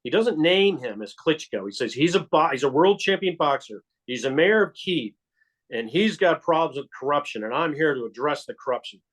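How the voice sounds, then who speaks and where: A man speaks as an interview guest with a voice pitched a bit above most men's. He builds his account step by step, emphatic and insistent. He often restarts mid-sentence as he goes. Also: animated, moderate pace, a bit bright. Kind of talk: explanatory storytelling in an interview.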